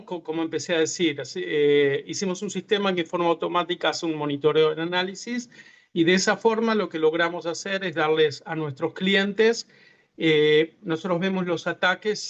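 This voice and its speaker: A man with a slightly high voice talks about his work in an online interview. He hesitates often, filling gaps and restarting words. The sound is muffled and lo-fi, like a video call. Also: a bit bright. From Uruguay. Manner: hesitant, many fillers and restarts. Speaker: tech entrepreneur guest.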